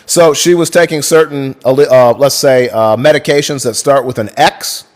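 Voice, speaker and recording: A man's voice: medium pitch, normal speed. A man hosting a livestream, reading book passages aloud and breaking off to thank chat viewers, swearing freely in a casual way. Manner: profane, chatty, thanks viewers mid-reading. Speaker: livestream host.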